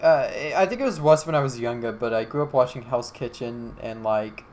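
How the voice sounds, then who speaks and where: A man's voice: medium pitch, brisk, darkish tone, a little hiss or hum. A young man from Alabama co-hosting a casual podcast, joking around, swearing freely and rambling. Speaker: podcast co-host. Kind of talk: casual chat.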